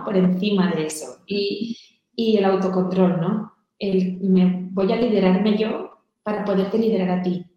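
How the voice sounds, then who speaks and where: A middle-aged woman speaks in an earnest, storytelling way during an interview. Her voice is mellow and soft-edged. The room around her is strongly echoey. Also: mid-range voice, muffled recording. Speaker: founder of a volunteer mothers' group, guest. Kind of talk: conversational interview answers.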